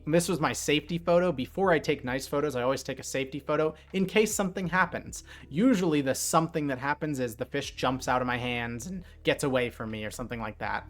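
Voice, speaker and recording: Man, casual storyteller, chatty and animated, faint music behind. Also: mid-range voice. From New Jersey. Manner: chatty, animated retelling with fillers. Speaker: streamer.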